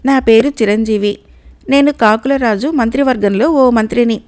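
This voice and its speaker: A woman voicing a cunning male crow minister who speaks in a calm, pleading way, in a read-aloud fable. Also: on the high side, normal speed, lightly acted. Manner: pleading, storytelling tone.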